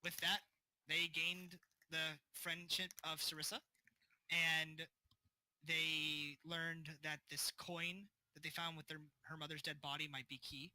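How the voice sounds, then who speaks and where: A man's voice: a little high, little pitch movement, takes it slowly, sharp tone, no echo, low-quality recording. A man acting as game master, recapping a tabletop session in a rambling way with many fillers. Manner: rambling, with frequent fillers and restarts.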